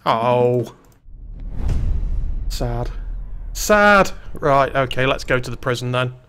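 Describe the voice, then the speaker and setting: A man's voice: mid-range voice, flat delivery, normal speed, a bit bright, faint music behind. A man streaming a game, reading the on-screen text aloud and adding wry, jokey asides in a casual let's-play style.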